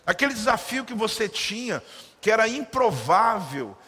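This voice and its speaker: A man preaching a sermon as pastor, telling a story with animated delivery and acting out the voices of its characters. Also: high-pitched, normal speed, breathy edge, in a large hall.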